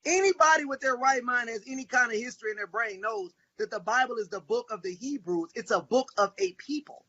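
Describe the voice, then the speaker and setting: Preachy guy in a debate, bright raspy voice, kinda muffled audio. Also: very high-pitched. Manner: preachy, mocking, reads scripture slowly. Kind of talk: heated debate.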